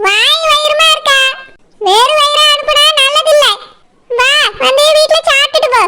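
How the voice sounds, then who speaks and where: Cartoon village mother, bossy and scolding, Kanyakumari accent, very high, shrill voice, a woman puts her on. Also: moderate pace, sharp tone. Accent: Kanyakumari Tamil. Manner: scolding, ordering people about.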